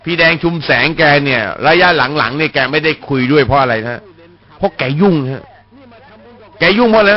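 A man hosting a casual political call-in radio show, joking bluntly with crude words and chuckling as he talks. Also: high-pitched. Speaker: radio host. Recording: lo-fi radio broadcast.

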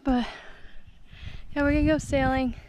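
A young homestead vlogger with a high-pitched, flat delivery speaks at a moderate pace as she shows off her rural garden on a hot day. The handheld action-camera recording is very noisy, and her talk is casual and chatty with many fillers.

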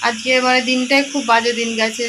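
A woman in her thirties with a Bengali accent, talking quietly and gloomily in a casual home vlog. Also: little pitch movement, noisy background. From India. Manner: speaks softly and slowly, low mood. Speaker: vlogger.

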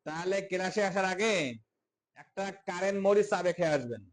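A man's voice: high-pitched, brisk, a little hiss or hum. A man teaching a live class on Arabic letters, patiently repeating prompts for learners to echo. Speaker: Quran teacher.

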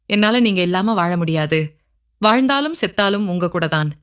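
A woman's voice: lowish voice, lively intonation, moderate pace, clear, resonant tone, close to an everyday voice. A desperate, lovesick man pleads his devotion in a told story, put on by a woman narrator. His words come out earnest and emotional.

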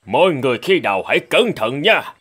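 A man with a mid-range, fairly quick, slightly rough voice plays a careful archaeologist leading a dig in an animated fairy tale. He speaks in an instructive manner.

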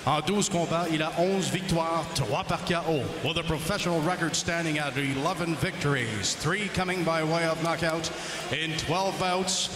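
Male boxing ring announcer, fairly high voice, formal drawn-out projection, reverberant noisy arena sound. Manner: booming boxing ring announcer delivery, stretching names. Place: large indoor boxing arena.

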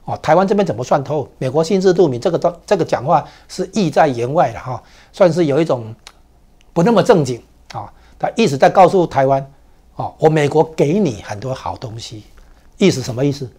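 A man speaks in Taiwanese-accented Mandarin as a political commentator on a talk show. His voice sits fairly high for a man. He argues emphatically, throws in rhetorical questions, and fills his pauses with 啊 and 哦. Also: expressive, dark tone, husky.

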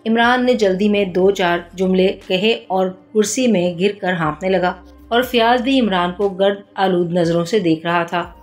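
A woman narrating a detective novel as an audiobook in a steady storytelling voice, with music behind her. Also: medium pitch, unhurried. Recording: soft background music.

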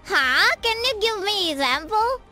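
Playful woman, Indonesian native, squeaky slow speech, broken English, music in background. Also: sing-song, pushed and bright. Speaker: streamer. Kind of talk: casual gaming stream chat.

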